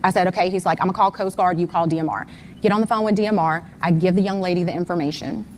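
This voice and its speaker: A middle-aged woman speaks in a slightly low register as an interview guest. She goes through events one at a time, peppering her account with "um" and "like". A faint hiss sits under her voice. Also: fairly even intonation, very fast, a little mellow. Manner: detailed step-by-step retelling with frequent "um" and "like". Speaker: interview guest, mother of the missing person. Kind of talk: conversational personal account.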